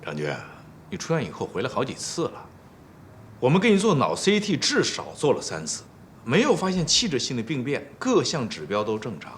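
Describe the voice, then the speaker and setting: An actor playing a senior department chief who firmly explains a patient's condition. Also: male voice, mid-range voice, wildly swooping pitch, fairly bright tone, slight background noise. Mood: measured. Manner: firm, measured, explaining. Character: stern male senior doctor, patient and firm.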